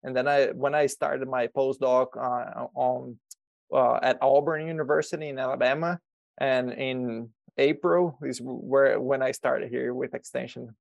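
A man's voice: mid-range voice, fairly even intonation, unhurried, creaky, no echo, muffled recording. A man in his thirties from Brazil, speaking with a Brazilian accent, answering questions as a guest in a podcast interview, often restarting and repeating words. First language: Portuguese. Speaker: extension educator guest.

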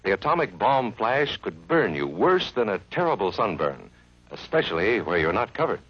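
An American man narrating a grave civil defense film from the 1950s in a measured, instructive way, as if addressing children. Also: lowish voice, very animated, slightly rough. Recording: dull vintage film soundtrack.

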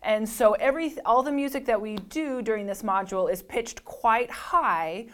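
A woman with a low alto voice talks through a music lesson. She explains each step, then sings sirens and single notes to show how it's done. She speaks in a plain instructional way. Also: moderate pace. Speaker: music teacher. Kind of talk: instructional talk to camera.

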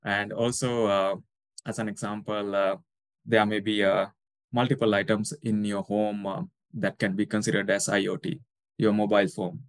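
A man's voice: on the low side, flat delivery, moderate pace, no echo. A young man from Sri Lanka, a researcher answering interview questions with many hesitant fillers. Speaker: guest researcher.

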